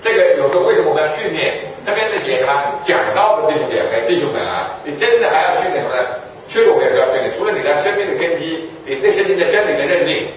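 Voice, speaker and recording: Talking very fast with lively intonation and barely a pause, a man preaches in a fairly high voice, teaching by asking rhetorical questions he then answers. The sound is distant and heavily echoed, on a dull lo-fi recording with a low ambient hum beneath it.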